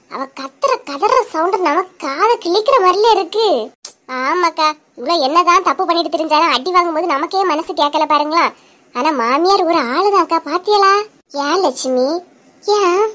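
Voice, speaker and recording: Nosy, gossiping neighbor aunties from a cartoon comedy, voiced by a woman with a Kanyakumari Tamil accent. Their voices are very high and shrill as they call out and chatter. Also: fairly bright tone. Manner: gossiping, calling out.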